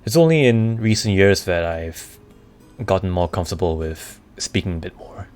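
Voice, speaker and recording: A man chatting casually on a live stream, answering questions in a halting way as he searches for the right words. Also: sits low, lively intonation, darkish tone. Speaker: streamer, VTuber. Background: background music.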